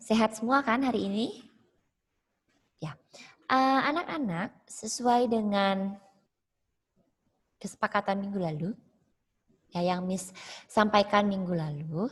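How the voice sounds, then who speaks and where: Brief: female teacher, slow and patient, explains each step, echoey video-call sound. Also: medium pitch. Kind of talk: online class instruction.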